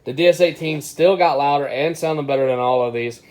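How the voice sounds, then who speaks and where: A car audio reviewer and video host tests gear in a casual, unscripted video, calling his viewers "guys." His voice is a little high and darkish in tone, and he talks a bit fast. The background is clearly noisy.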